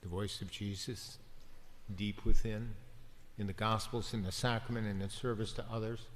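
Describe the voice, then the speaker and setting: A man, a deacon, giving a homily in a gentle, conversational preaching manner with pauses. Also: lowish voice, level tone, slight background noise. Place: church. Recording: long church reverb.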